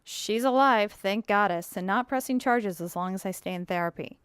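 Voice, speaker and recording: Actress voicing a wry, sarcastic young woman blogger, smooth clear voice, dry close sound. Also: medium pitch, moderate pace, fairly bright tone, no room sound, lightly acted. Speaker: audiobook narrator voicing a blogger. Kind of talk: audiobook reading.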